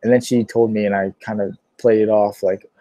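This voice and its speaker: A man's voice: on the low side, flat delivery, a little fast, dark tone, no room sound, highs cut off. A young man from Pennsylvania chatting casually on a livestream, answering viewer questions with lots of fillers and a sore throat. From Pittsburgh, Pennsylvania. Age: young adult. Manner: rambling, many fillers.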